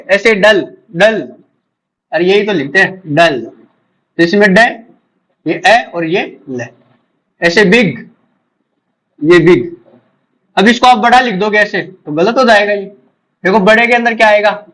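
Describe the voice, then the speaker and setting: A man teaching an exam-prep phonetics lesson, repeating key points and drilling sounds slowly aloud. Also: high voice, a bit bright, low-quality recording. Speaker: English teacher.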